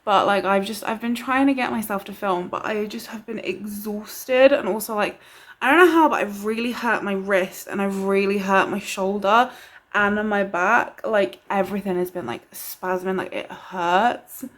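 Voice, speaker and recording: A young woman from the UK, a beauty vlogger chatting casually to camera, rambling and excitable. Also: mid-range voice, moderate pace.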